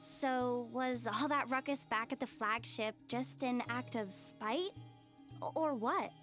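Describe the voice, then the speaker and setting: A woman's voice: fairly high pitch, slow, fairly bright tone. A woman voicing a young game heroine who asks hesitant questions with small stumbles. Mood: unsure. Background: game music.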